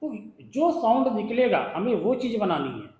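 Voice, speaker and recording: A man's voice: extremely high pitch, very animated, moderate pace, a little mellow, roomy sound, poor audio. A man from India teaching shorthand in a patient lesson, repeating sounds and asking his students questions. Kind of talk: classroom-style lesson explaining strokes.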